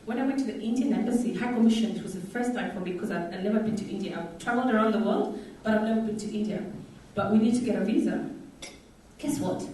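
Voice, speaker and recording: A woman's voice: medium pitch, fast talker, darkish tone. A Kenyan woman giving a conference talk, engaging the audience with questions, recorded from a distance in a large hall. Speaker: conference speaker. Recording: echoey hall, distant mic.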